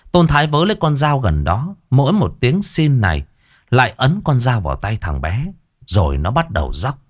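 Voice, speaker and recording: A man tells a gruesome horror tale in a mid-pitched, lively voice. His pitch rises and falls freely as he builds dread in a steady audiobook reading. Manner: lively, expressive storytelling. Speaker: narrator. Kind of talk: dramatic horror audiobook narration.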